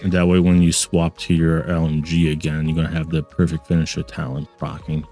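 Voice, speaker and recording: Guy doing goofy game commentary at home, real low mellow voice, light music under it. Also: monotone, fairly quick. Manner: playful, repeats catchphrases. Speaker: gaming channel host. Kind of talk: joking gameplay commentary.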